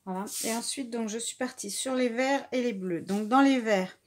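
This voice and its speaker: A woman vlogger from France casually showing her new craft supplies, talking hesitantly with many pauses and restarts. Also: on the high side, slight background noise. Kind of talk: casual haul presentation.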